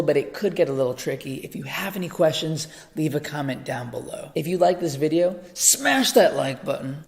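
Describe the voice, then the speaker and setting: A man runs an upbeat online beatbox tutorial, energetic and chatty as he coaches. His pitch leaps around a lot, with a gravelly fry at the bottom of his voice.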